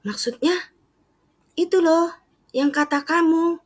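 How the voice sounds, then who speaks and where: A woman putting on the high, excited voice of her elderly mother as she retells what the mother said. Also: takes it slowly. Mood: eager. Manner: excited, high-pitched quoting. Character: elderly mother, curious and eager.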